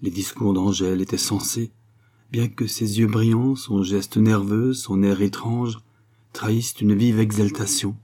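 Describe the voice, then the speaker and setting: A man reading a classic novel aloud, his voice low and mellow with a slight husk. The delivery is measured and steady, in the manner of literary audiobook narration.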